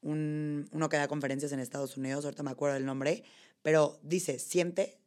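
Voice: medium pitch, little pitch movement, fast talker, a little mellow. Interview host, curious and conversational, asks follow-up questions. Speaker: podcast host. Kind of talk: casual interview.

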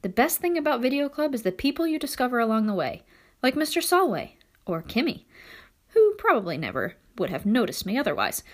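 A woman narrates a first-person novel with a bright, fairly high voice. Her pitch rises and falls freely as she tells the story. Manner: lively, expressive storytelling. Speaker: audiobook narrator.

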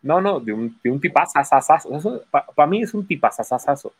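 Mexican guy telling stories, kinda high voice, acts out the voices, dry close sound. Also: brisk, breathy edge, no echo. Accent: Mexican Spanish. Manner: animated storyteller acting out voices, laughing. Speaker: guest magician telling stories. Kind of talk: casual chat.

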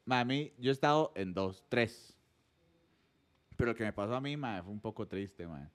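A man's voice: lowish voice, lively intonation, moderate pace. A man with a Costa Rican accent telling an anecdote in casual podcast chat, slangy and acting out the voices of the people in his story.

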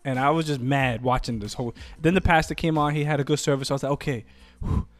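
A man's voice: medium pitch, quick pace, dry recording, faint music behind. A man co-hosting a podcast in casual chat, talking in a rambling way with lots of slang and swearing. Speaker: podcast co-host.

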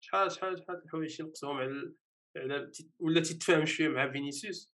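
Man, slightly high voice, Moroccan Arabic accent, fast casual sports talk, halting restarts, French loanwords. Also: a bit bright. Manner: halting restarts, mixes French words into speech. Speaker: football pundit. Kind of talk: casual football chat.

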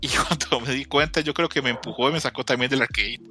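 Faint music sits behind this man's quick, sharp, mid-range voice. In his thirties and speaking with a Mexican Spanish accent, he co-hosts a podcast, spinning stories in casual chat and doing voices with laughter.

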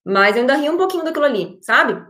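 A Brazilian woman giving an energetic, expressive motivational talk to her audience as an online creator. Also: high voice, fast talker, roomy sound.

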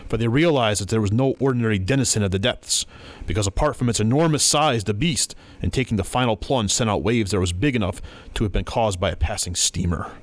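Podcast co-host: a fairly low-voiced man in casual chat who tells stories with animation, dry close sound. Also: brisk, dry recording. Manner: animated storyteller, reads quotes aloud.

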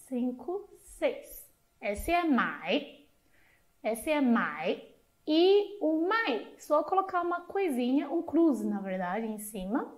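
A woman with a Chinese accent and Mandarin as her first language, slowly and patiently teaching a short lesson on a talk show. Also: high-pitched, a little mellow. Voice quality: slow, patient explaining with repeated drilled syllables.

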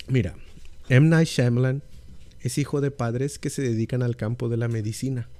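A man's voice: mid-range voice, steady tone, normal speed, warm tone. A man co-hosting a casual film podcast, chatty and rambling with frequent restarts. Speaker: podcast co-host.

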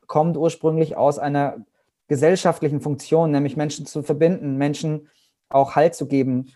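A man's voice: a little high, level tone, normal speed, dark tone. A middle-aged man answering interview questions about sports business, reflective and full of restarts and fillers. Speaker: guest, sports marketing agency head.

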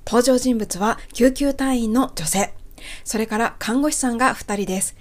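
High-voiced woman hosting an English lesson. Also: moderate pace, darkish tone. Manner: patient, careful step-by-step explaining. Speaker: English teacher and host. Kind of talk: English-lesson radio show.

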